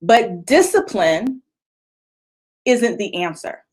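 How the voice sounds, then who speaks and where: A woman coach giving a live motivational talk over a video call. She talks in a lively, conversational way, acts out people's inner voices and answers audience comments as she goes. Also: medium pitch, takes it slowly. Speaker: motivational coach leading a retreat session.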